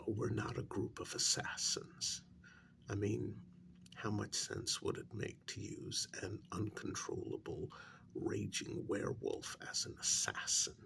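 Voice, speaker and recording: In this heavily acted ASMR role-play, a man with a lowish voice plays a calm government agent interrogating a captured werewolf, with a little hiss or hum audible. His delivery is soft, breathy, frequently close to a whisper, measured and quietly coaxing.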